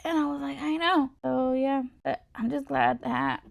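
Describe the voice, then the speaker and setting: Young female vlogger, chatty and rambling, with a gravelly, fry-heavy voice pitched a little high. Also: normal speed. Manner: rambling and animated, full of "like" and "you know". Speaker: beauty vlogger. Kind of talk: chatty get-ready-with-me vlog. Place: home.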